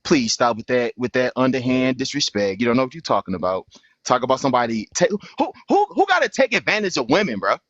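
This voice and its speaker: A man's voice: medium pitch, very animated, quick pace, fairly bright tone, no room sound. A young man hosting a livestream panel, talking casually and argumentatively, full of slang and "bro". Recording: dull lo-fi stream audio.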